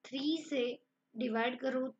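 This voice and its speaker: A woman gives an online math lesson, talking students through each step in an encouraging way. Her voice sits high and she moves slowly. The recording is slightly dull and lo-fi. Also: fairly even intonation. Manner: encouraging, addresses students as friends. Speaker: math teacher.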